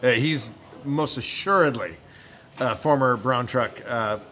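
Male guest from New York State, playful and quick to laugh, mid-range voice. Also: mid-range voice, bright, forceful tone. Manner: joking, laughs often. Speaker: podcast guest, beer educator. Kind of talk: casual chat. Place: brewery taproom.

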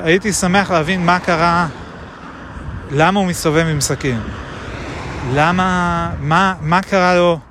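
A man recording a reflective spoken diary outdoors, musing aloud with many pauses and hesitations. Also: fairly high pitch. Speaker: video diarist. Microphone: action camera. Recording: traffic noise outdoors.

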